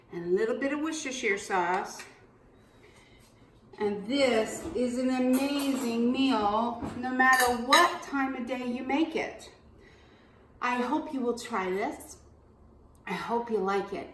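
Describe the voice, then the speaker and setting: Slow, chatty woman cooking in an echoey kitchen. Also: a little high, slight background noise. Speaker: cooking channel host. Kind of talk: home cooking demonstration. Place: home kitchen. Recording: echoey kitchen, distant mic.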